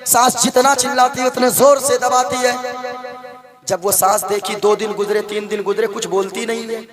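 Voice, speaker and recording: A male preacher telling a story in a sermon, animated and calling out to his audience. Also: very high voice, normal speed, crowd noise. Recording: music playing under the voice.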